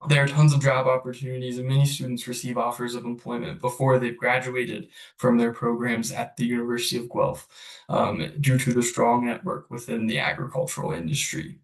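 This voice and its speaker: A man's voice: medium pitch, flat delivery, fairly quick. A man giving an online webinar presentation, with some ums and uhs. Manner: hesitant, with fillers. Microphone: video call. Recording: roomy, distant from the mic.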